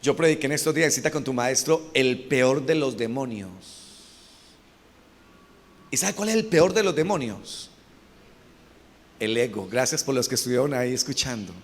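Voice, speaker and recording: A man preaching a sermon, calling questions to the congregation and having them repeat after him, jumping from loud shouted peaks to low quiet asides. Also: expressive, moderate pace, pauses often, big-room sound. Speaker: pastor. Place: church.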